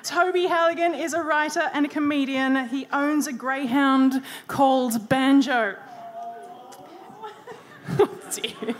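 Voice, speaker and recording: A woman's voice: high-pitched, steady tone, slow. A woman hosting a comedy debate on stage, introducing the next debater with playful, dry jokes. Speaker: host. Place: comedy venue before a live audience.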